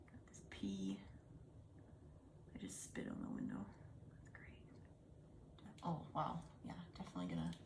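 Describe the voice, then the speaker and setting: Indoors by a window, a woman with a gravelly voice on the low side chats to herself and her cat as she paints a mural for fun. Her running commentary is casual and self-teasing.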